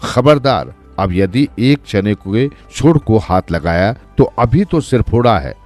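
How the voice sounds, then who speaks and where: A man's voice: fairly low pitch, very animated, slow, darkish tone, faint music behind. A man voicing a harsh scolding old woman. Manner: scolding, threatening. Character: harsh quarrelsome old village woman, threatening.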